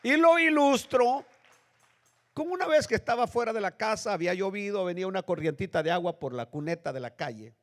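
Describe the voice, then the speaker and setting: A male pastor preaching a sermon with dramatic swings between loud, high bursts and low, hushed lines. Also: expressive, fast talker, hardly any pauses. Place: church sanctuary. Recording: long reverb of a church hall.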